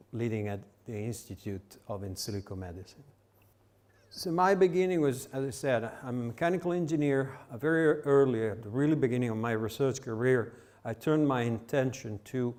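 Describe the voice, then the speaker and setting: An older man, the guest lecturer, speaks in a fairly low voice to a public audience in a lecture hall. His phrasing is non-native, and he often restarts his sentences as he explains. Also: darkish tone.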